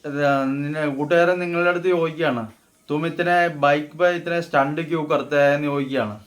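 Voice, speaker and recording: A man teaching everyday phrases, saying each example slowly and then explaining it. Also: a little high, fairly even intonation. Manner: slow, deliberate model phrases, then explained in Malayalam. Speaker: Hindi teacher. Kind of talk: casual spoken-Hindi lesson.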